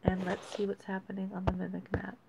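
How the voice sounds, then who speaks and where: A woman giving casual, unscripted commentary as host of an amateur weather report, speaking haltingly and thinking aloud with pauses. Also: medium pitch, completely flat delivery, creaky. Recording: dull lo-fi audio with faint noise.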